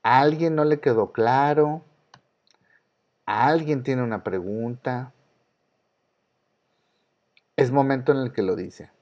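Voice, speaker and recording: A man's voice: mid-range voice, slow pace, long pauses, darkish tone. Man, Mexican accent, teacher, patient and repetitive, dull lo-fi sound. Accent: Mexican Spanish. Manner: patient, repeats key rules, asks students questions. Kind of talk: online class lecture. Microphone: video call.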